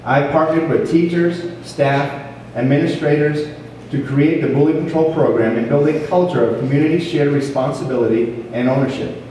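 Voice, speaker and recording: A man's voice: fairly high pitch, steady tone, normal speed, warm tone. Man giving a speech in an echoey hall. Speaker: police officer speaking as program leader. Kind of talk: prepared formal speech at a school ceremony. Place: large echoing hall at a school ceremony. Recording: echoey hall from far off, faint noise.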